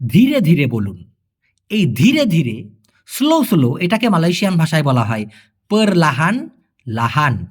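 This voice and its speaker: Lively high-voiced man teaching a language. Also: breathy edge. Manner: repeats phrases slowly, then translates each word; lively, sing-song delivery. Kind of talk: spoken language lesson.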